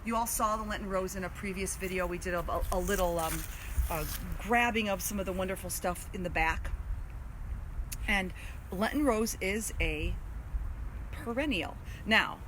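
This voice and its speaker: A woman hosting an informal live gardening explainer outdoors, explaining in a halting, stop-and-start way. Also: medium pitch, fairly bright tone, poor audio. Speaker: host of community garden live video. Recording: outdoor live video, clear ambient noise.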